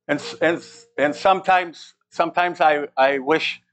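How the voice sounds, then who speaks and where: A man's voice: fairly high pitch, steady tone, fairly bright tone. Guy preaching a sermon line by line, earnest, repeats himself, waits for the translator. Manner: speaks in short phrases, pausing for translation. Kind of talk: sermon with interpreter.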